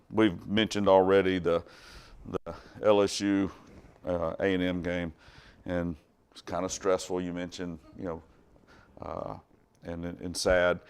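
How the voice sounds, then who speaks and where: A middle-aged man teaching a church Bible class in a chatty, folksy way, with jokes and asides to the class and loudness that swings from loud bursts to quiet stretches. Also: deep voice, a little slow, long pauses, smooth.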